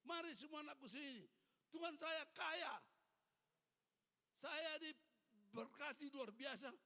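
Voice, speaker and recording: An old man in his eighties preaches with fervor in a strikingly high, gravelly voice, pressing the same exhortations again and again. His tone is bright and forceful. The sound rings with the long reverb of a church hall. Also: takes it slowly. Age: 80s. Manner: fervent, repetitive exhortation addressing the congregation directly. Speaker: pastor. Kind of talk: sermon.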